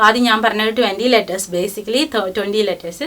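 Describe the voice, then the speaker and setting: A woman giving a language lesson. She teaches patiently, reading each syllable out slowly and repeating it. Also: mid-range voice, a bit bright.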